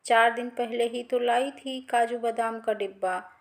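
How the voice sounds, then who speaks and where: A woman doing a stern mother-in-law, suspicious, scolding, storybook reading, high voice. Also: steady tone, unhurried, lightly acted.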